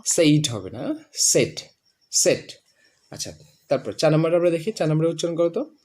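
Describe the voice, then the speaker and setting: A man teaching English pronunciation, saying each word slowly and over and over for a student to copy. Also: on the high side, animated, darkish tone. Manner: repeats words slowly, drilling the student. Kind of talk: pronunciation lesson.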